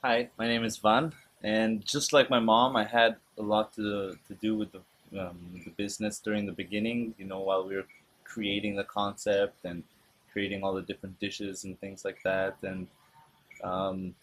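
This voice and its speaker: A man's voice: on the low side, level tone, normal speed, a bit bright. A young adult man, a musician, chatting in an easygoing way in a casual interview. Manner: easygoing with "you know" fillers.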